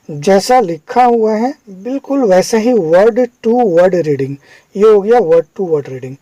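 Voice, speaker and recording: Man, English teacher, patient step-by-step lesson, warm mellow tone, dry close sound. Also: high voice, no room sound, rough recording. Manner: patient, checks understanding with questions. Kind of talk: explaining a lesson.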